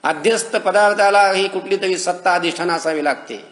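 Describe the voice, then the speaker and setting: A man with a Marathi accent giving a devotional sermon, who keeps asking his listeners questions and answers them himself, and slows down to draw out verses. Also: high-pitched, a bit bright, reverberant, long reverb tail. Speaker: kirtan preacher.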